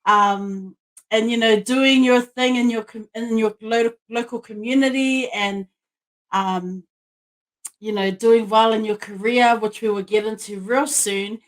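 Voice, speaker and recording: Higher-pitched woman hosting a casual podcast. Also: fairly even intonation, measured pace, rough recording. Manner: enthusiastic, informal. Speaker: podcast host. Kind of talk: casual, upbeat interviewing.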